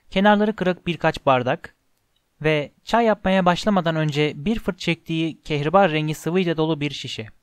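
A man narrating an audiobook with expressive storytelling. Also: fairly high pitch, no room sound, clean studio sound. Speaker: audiobook reader. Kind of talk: scripted narration.

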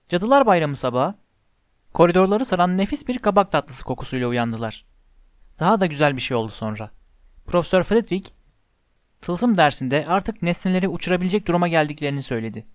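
Man narrating a storybook, fairly high voice. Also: no echo, studio quality. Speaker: audiobook narrator.

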